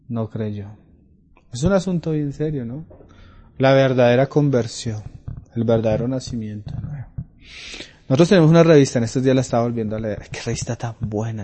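A man preaching a sermon, talking through Bible passages and reading scripture louder. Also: medium pitch. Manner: conversational Bible teaching, rising loud for scripture readings.

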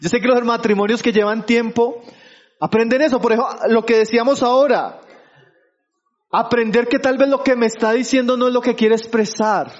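A man's voice: extremely high pitch, fairly even intonation, normal speed, highs cut off. A man preaching to his congregation, calling them brothers and keeping them engaged with rhetorical questions. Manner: keeps asking the congregation for agreement; addresses listeners as brothers. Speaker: pastor. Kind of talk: sermon.

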